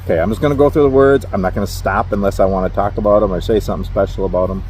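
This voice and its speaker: Talking very fast in a lowish, darkish voice with fairly even intonation, a middle-aged Minnesota trucker with a Minnesotan accent vlogs from his parked truck at a rest area. Casual and rambling, he laughs at himself often. A little hiss or hum is audible.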